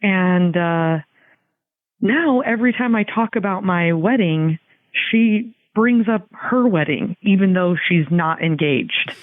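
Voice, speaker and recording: A man leaves a rambling voicemail, and it comes through a tinny phone line with no room sound at all. His voice sits a little high, and he talks chatty and halting, filling gaps with little pauses. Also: no room sound. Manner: chatty and halting, with many fillers. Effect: recorded voicemail message over a phone line. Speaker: listener caller.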